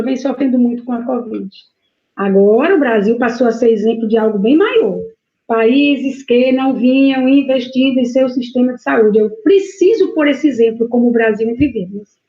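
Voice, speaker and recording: A woman's voice: on the high side, dark tone, muffled recording. A woman with a Brazilian Portuguese accent teaching a live online essay-writing lesson, explaining step by step, dictating punctuation aloud and often checking in with her students.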